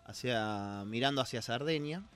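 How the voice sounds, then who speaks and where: Rioplatense musician telling stories. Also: male voice, mid-range voice, moderate pace, fairly bright tone, clean tone, faint music behind. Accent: Rioplatense Spanish. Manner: storytelling, jokey asides. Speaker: guest musician. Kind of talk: casual interview.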